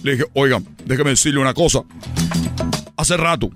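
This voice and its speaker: A man telling a rambling comic story on a radio show, excitable and stammering. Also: mid-range voice, normal speed, over music.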